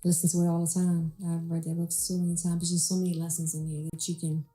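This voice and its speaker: A woman who runs her own business, talking in a relaxed, reflective way as an interview guest. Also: fairly low pitch, fast, faint music behind. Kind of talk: casual interview chat. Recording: roomy echo.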